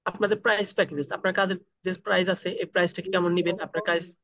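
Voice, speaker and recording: A man teaching freelancers in an online class, asking the class questions and then answering them himself, with slow, deliberate English phrases mixed in. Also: high-pitched, fairly even intonation, gravelly, fairly bright tone, no echo. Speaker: freelancing trainer. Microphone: video call.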